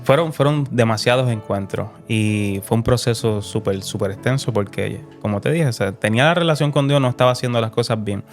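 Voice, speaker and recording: A man's voice: mid-range voice, a little fast, few pauses. A young man shares his personal faith testimony as a guest, telling it earnestly and emotionally and often repeating phrases. Faint music sits under his voice. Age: young adult. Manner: earnest, emotional storytelling with repetitions.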